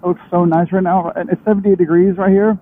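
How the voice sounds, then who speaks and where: A man's voice: high voice, level tone, quick pace, a little hiss or hum. A young man chatting casually and in a rambling way while riding a motorcycle, his voice muffled inside a helmet. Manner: rambling, conversational, self-interrupting. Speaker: motorcycle vlogger. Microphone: helmet microphone. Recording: thin radio-like sound inside a helmet.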